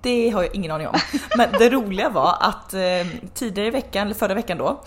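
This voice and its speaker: A woman in her thirties co-hosting a podcast, telling stories in a lively, chatty way. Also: medium pitch. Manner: chatty, animated storytelling with laughs. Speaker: podcast co-host. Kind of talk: casual chat.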